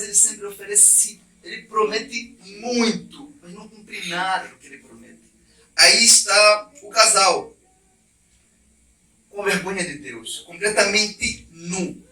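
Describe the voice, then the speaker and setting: A male pastor from Brazil preaching an impassioned sermon, swinging from quiet to loud. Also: high-pitched, a little slow, distant mic. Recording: echoey church heard from off mic.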